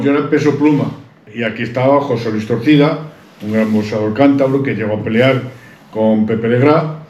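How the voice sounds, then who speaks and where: In an interview, a man in his 70s from Santander, Cantabria, Spain, proudly rambles through his life story, restarting often. His voice is mid-range and a little mellow, and the recording sounds roomy and dull.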